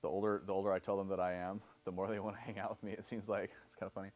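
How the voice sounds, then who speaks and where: A man's voice: low-pitched, level tone, very fast, darkish tone. A man in his thirties giving a live seminar lecture, explaining step by step, often checking in with "okay?" and acting out both sides of example dialogues. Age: 30s. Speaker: seminar instructor.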